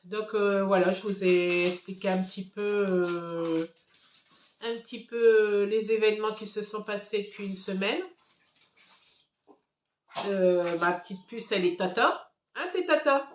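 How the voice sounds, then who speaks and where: A middle-aged woman, a family vlogger, chats casually to her handheld phone camera at home, rambling with plenty of hesitant fillers. Her mid-range voice is unhurried with fairly even intonation, and there's a slight hiss or hum. The home room sounds echoey.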